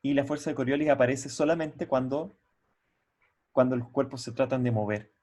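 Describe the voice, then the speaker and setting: Over a video call on a computer mic, a man with a medium-pitched, slightly mellow voice gives an online university lecture. He explains things step by step, often pausing to check that students follow, and his halting speech is full of restarts as he thinks.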